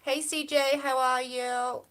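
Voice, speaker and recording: High-pitched and fairly bright, this woman's voice stays level as she speaks slowly. She hosts a livestream from Wales, her accent from near the English border, reading viewer comments in a gossipy, bubbly style.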